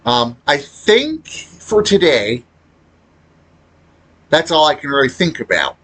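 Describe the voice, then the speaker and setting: This gaming video creator talks slowly in a rough, husky, somewhat bright voice with a sing-song quality and lots of pitch movement. His unscripted commentary is casual and meandering, full of halts and trailing thoughts he reshapes as he goes.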